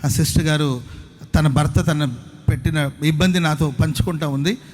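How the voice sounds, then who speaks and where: A male pastor preaching a fervent sermon, urging the crowd to shout amen and acting out the people in his stories. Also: a little high, fairly even intonation, moderate pace. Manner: fervent preaching, calls for loud amens, acts out quoted speakers. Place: large convention hall. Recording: long reverb of a large hall.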